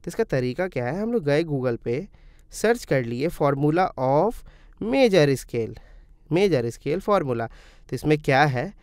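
A man's voice: fairly high pitch, big pitch swings, slow, a little mellow, smooth, no room sound, clean studio sound. A man teaching music theory step by step in a casual tutorial, asking and answering his own questions and calling viewers brother. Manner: calls viewers "brother" in friendly chat. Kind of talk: casual screen-recorded tutorial.

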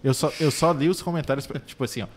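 A man's voice: medium pitch, fast, slight background noise. A man hosting a podcast, easygoing and laughing often as he reads out viewer comments. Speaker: podcast host. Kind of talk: casual podcast chat. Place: small podcast studio.

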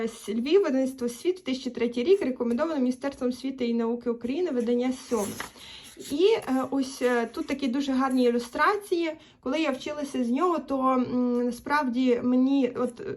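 High-voiced woman teaching kids letters. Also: slight background noise. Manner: patient, drawn-out vowel demonstrations for children; gentle, encouraging address to children. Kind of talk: children's alphabet lesson.

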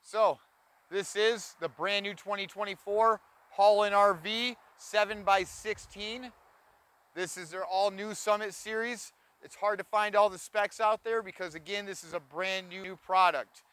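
Guy in his 40s showing off a trailer, high bright voice, dry close mic. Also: steady tone, unhurried, clean tone, dry recording. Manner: enthusiastic, pointing things out as he walks. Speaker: trailer reviewer. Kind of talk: walkaround product tour. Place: inside and around a cargo trailer on an outdoor lot. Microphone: lapel mic.

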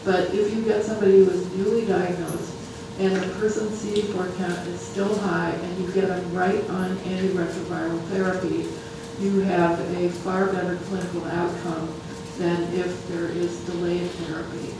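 In a large meeting room, a presenter gives data to a health planning council in a level, mid-range voice. Speech is halting, full of restarted sentences, and the distant recording picks up lots of echo and noise.

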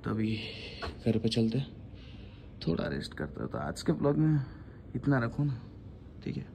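A man's voice: mid-range voice, very animated, normal speed, gravelly, background noise. A young man in his twenties, vlogging casually to a phone held at arm's length, chatty and loose, trailing off tired. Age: 20s. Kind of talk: casual vlog chat. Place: in a car, then a gym. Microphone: phone camera at arm's length.

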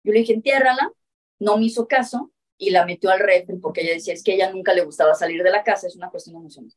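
A woman's voice: lowish voice, steady tone, racing. A woman, an animal rescuer, telling her story as an interview guest and acting out the voices of the people she quotes.

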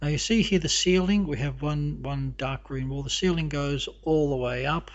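A man walking through his home with a camera, narrating the rooms in a halting, casual way full of fillers and restarts. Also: on the high side, lo-fi sound. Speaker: homeowner giving a house tour. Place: inside a house, walking room to room.

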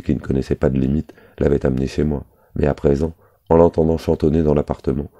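A man reading a novel aloud in a measured, even storytelling manner. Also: rumbling low. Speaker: audiobook reader.

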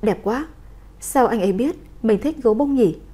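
A woman voicing a shy, soft-spoken young heroine in a storybook reading, polite and hesitant. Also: fairly high pitch, expressive, moderate pace, breathy edge.

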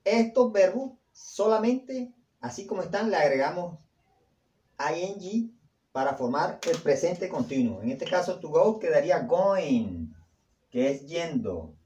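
A man teaching English to Spanish speakers, saying each sentence twice slowly and then translating it. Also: fairly high pitch, very animated, darkish tone, dull audio. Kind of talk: language lesson. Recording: echoey room.

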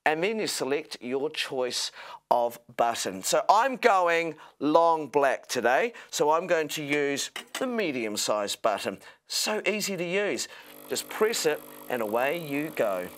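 Higher-voiced male home shopping host. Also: big pitch swings, slow pace, a bit bright. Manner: upbeat sales patter, step-by-step explaining. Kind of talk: home shopping product demonstration. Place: TV studio kitchen set, indoors.

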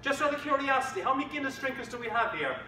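A man's voice: extremely high pitch, expressive, racing, over a noisy crowd. An Irish man giving a humorous keynote speech, full of jokey storytelling and playful asides, recorded from a distance in an echoey conference room. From Ireland. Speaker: motivational keynote speaker.

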